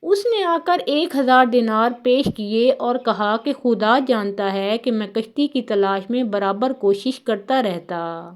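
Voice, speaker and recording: A woman narrating religious stories in a calm, measured, scripted way. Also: fairly high pitch. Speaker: storyteller.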